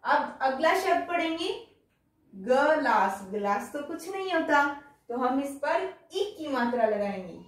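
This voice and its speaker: A woman teacher giving a children's lesson, reading words out slowly and explaining them patiently. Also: sits high, expressive. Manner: slow, drawn-out word-by-word reading. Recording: echoey room, voice from far off.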